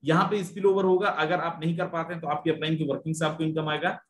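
A man presenting an investment plan in a persuasive sales pitch, repeating figures and mixing in English phrases. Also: flat delivery, quick pace, reverberant.

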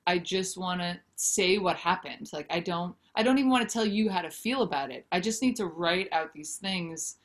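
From a brick-walled room at home, a thirtysomething singer-songwriter and author speaks candidly over a video call in a casual interview chat. Her lowish voice moves at normal speed with hardly any pauses, and she's animated, gesturing with her hands.

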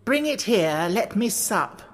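A reader voicing a gentle, dithering storybook queen with a dainty, cooing manner. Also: medium pitch, very animated, takes it slowly, in a large hall, voice pushed up. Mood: reciting riddle.

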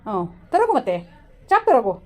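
A woman putting on a much lower voice to play a stern, reproachful father-in-law in a comedy skit. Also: huge pitch swings, fast, dark tone.

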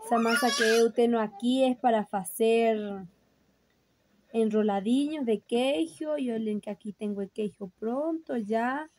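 A young woman with a high, bright-sounding pitch talks to her viewers in an unhurried, easygoing way. She narrates a casual home vlog, explaining things step by step as she films on her phone. Her tone is chatty and direct, as if showing friends around. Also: slight background noise, poor audio. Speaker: vlogger. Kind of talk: casual show-and-tell narration. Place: rural mountain home, garden and kitchen. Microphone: phone camera held by speaker.

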